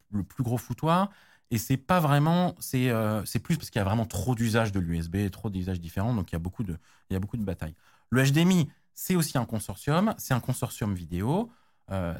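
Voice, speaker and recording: A man's voice: fairly low pitch, a little mellow. A man explaining technical standards in casual chat, slangy, with many restarts and fillers. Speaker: tech guest expert.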